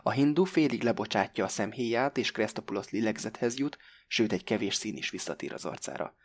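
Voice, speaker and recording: Husky male audiobook narrator. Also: lowish voice, animated. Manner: measured, first-person storytelling.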